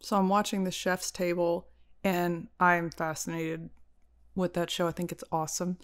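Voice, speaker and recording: Smooth-voiced woman telling animated stories. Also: lowish voice, moderate pace. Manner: animated storytelling, profane. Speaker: podcast co-host. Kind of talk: casual chat.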